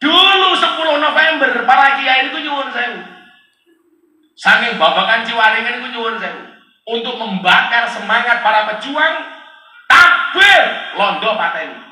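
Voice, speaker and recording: Javanese guy preaching, high bright voice, lively and jokey, echoey hall heard from far off. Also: moderate pace. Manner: animated, joking, mixing in quoted verses and swings to loud cries. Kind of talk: Islamic sermon.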